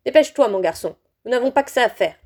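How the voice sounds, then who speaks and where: A rude middle-aged uncle snaps out dismissive orders, as a woman reads him. The delivery is short and mellow-toned. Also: a little high, expressive, quick pace. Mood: curt. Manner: curt, dismissive.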